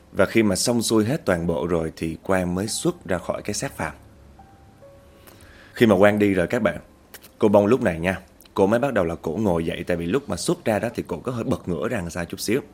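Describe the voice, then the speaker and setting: A man telling a horror story to his audience. His voice is fairly low. He talks in a chatty way and keeps turning to his listeners. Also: darkish tone. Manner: chatty, often addresses listeners.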